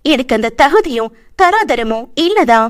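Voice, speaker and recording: A woman's voice: high-pitched, very animated, unhurried. A woman voicing an innocent, childlike young woman who chatters naively in a storybook reading. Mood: sulking.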